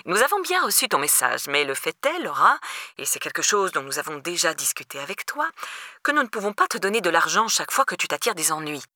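A woman reading an audiobook and voicing a cool, condescending woman who speaks softly and measuredly, with little hums between phrases. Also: fairly low pitch, sing-song, no echo, clean studio sound. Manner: soft, measured, with hummed fillers. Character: cool, condescending woman leaving a voicemail, prone to humming.

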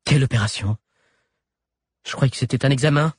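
A man voicing a fierce, defiant young woman held captive, shouting her defiance. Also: medium pitch, brisk, slightly rough, no room sound, studio quality, voice pushed up. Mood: alarmed.

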